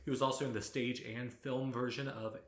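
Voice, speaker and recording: A man's voice: medium pitch, flat delivery, brisk. Rambling man in an echoey room. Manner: rambling, lots of fillers. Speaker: podcast co-host. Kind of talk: casual chat.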